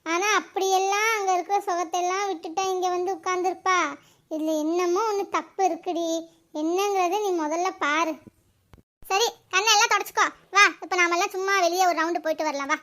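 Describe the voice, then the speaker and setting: Woman as shrill, rapid village busybody for a cartoon; scolds and mocks. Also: steady tone, fairly bright tone. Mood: scolding. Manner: scolding, quick and mocking. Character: sharp-tongued gossiping village woman, adult. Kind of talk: cartoon voice acting.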